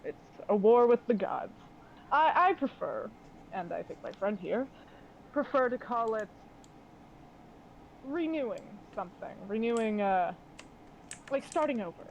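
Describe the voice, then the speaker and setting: A woman's voice: on the high side, expressive, measured pace, pauses often. A woman voicing a suave, scheming man who bargains with mock politeness in a tabletop game, on a slightly dull recording with faint noise. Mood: amused. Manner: smooth, theatrical, mock-polite. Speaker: game master.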